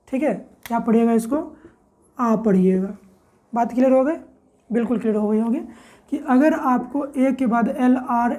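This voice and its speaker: A woman teaching English pronunciation in a classroom-style lesson, spelling words out slowly letter by letter and asking her own questions before answering them. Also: on the high side, mellow.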